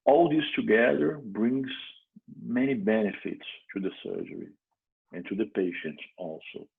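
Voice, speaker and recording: A man's voice: lowish voice, animated, vocal fry, breathy edge. Brazilian-accented man lecturing over tinny audio. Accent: Brazilian Portuguese. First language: Portuguese. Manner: halting, frequent restarts and fillers. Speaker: dental surgeon presenting a case. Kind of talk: clinical lecture.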